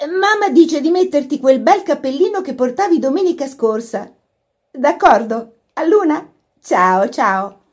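A woman voicing an excitable young society girl who talks in a breathless, gushing rush. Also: high-pitched, a little slow, hardly any pauses, voice pushed up. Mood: gushing excited.

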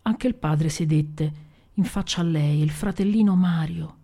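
A woman reading literary fiction aloud with a measured, dramatic delivery. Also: sits low, dark tone. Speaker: literary reader.

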